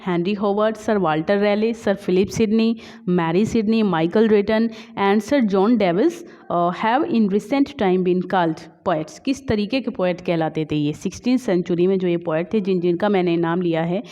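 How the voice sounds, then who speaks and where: A woman's voice: medium pitch, a little slow, warm tone. A woman with an Indian accent giving an exam-prep lesson, explaining step by step and asking herself rhetorical questions, with frequent fillers. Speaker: teacher.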